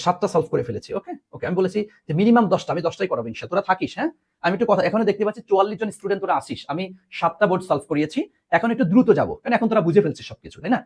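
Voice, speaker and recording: A man's voice: high-pitched, slightly rough. A man teaching a live online class, repeating words and quizzing students. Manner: animated, repeats words, asks students questions.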